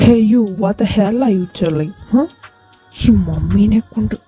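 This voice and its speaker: A woman's voice: mid-range voice, drawn-out words, over music. A woman voicing a cold, possessive young male mafia boss in an amateur audio drama, curt and commanding. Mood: irritated. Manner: curt, commanding, switches into English.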